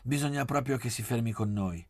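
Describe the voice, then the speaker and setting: A man voicing a lively, teasing young woman who plays hostess, with a mocking, playful tone. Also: mid-range voice, fairly quick, pitched above the performer's own voice, close to an everyday voice.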